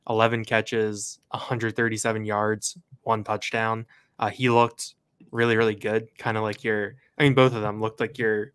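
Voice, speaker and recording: A man's voice: fairly low pitch, fairly bright tone, clean tone. A man co-hosting a sports podcast, casually breaking down the game and rattling off stats with plenty of fillers. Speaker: podcast co-host.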